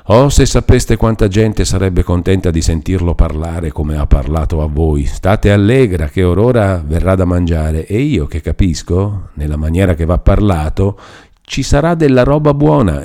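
A man's voice: low-pitched, expressive, moderate pace, warm tone. A man reading aloud and voicing a grumbling, resentful old woman who scolds and coaxes a frightened girl. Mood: coaxing.

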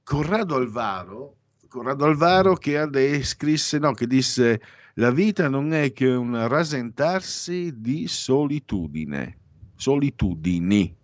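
A man's voice: mid-range voice, animated, takes it slowly, no echo, dull audio. A man hosting a daily anniversaries segment, talking in a digressive way with frequent restarts, self-corrections and ironic asides. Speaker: radio or podcast host reading daily anniversaries. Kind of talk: casual spoken commentary with opinions.

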